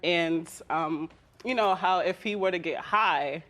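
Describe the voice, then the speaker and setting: A young woman in her twenties testifies in a TV court with a whiny, complaining manner. She explains herself hesitantly and haltingly as a litigant. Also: lowish voice, a bit bright. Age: 20s. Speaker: litigant complaining about partner in a TV court show.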